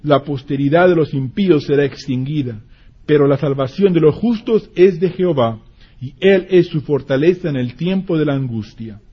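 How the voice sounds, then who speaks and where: High, husky man preaching a sermon. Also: highs cut off. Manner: animated, acts out parents and children in quick asides.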